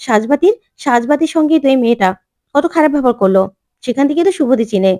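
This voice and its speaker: A woman's voice: high voice, lively intonation, fast talker, warm tone, no room sound, studio quality. Komoli: a woman voicing a scornful gossip.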